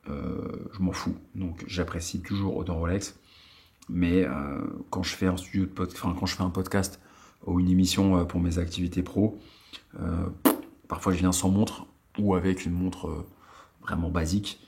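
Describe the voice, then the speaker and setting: Male vlog host, late 30s, from France: gravelly fry, casual rambling delivery full of fillers, attic room. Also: sits low, steady tone, moderate pace, a little mellow. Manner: rambling, many fillers and restarts. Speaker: watch channel host. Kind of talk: casual vlog talk to viewers.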